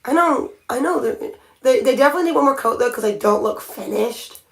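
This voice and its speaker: A nail art livestreamer with a high, expressive voice talks a little fast as she paints her nails at home by a window. Her chat is casual, and she thinks aloud, often restarting her sentences.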